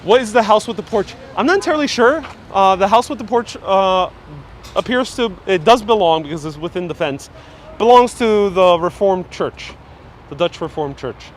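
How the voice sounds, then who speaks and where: A man's voice: high voice, animated, moderate pace. Male live tour guide, slightly muffled by a mask, chatty and courteous, casual delivery over faint outdoor street noise. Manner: chatty, effusively polite to viewers. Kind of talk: casual live commentary, answering viewer comments. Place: outdoors, walking on city streets. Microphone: clip-on mic worn on the body. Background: street ambience, passing vehicles.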